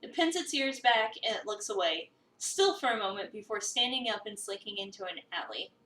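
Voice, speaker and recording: A woman with a medium-pitched, animated voice reads a visual novel with dramatic flair, breaking off now and then for casual chat as a streamer. She talks briskly with a sharp tone. The recording is roomy and distant, with a little hiss or hum.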